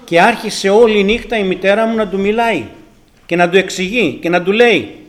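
An older man from Greece telling his personal testimony to a congregation, earnest and emphatic, his loudness rising and falling. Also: high-pitched. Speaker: church member giving testimony.

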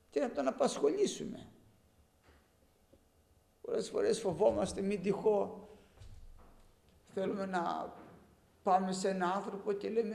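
A man's voice: high voice, gravelly, dark tone. A man preaching a sermon, telling a story with animation and speaking directly to his listeners as brothers.

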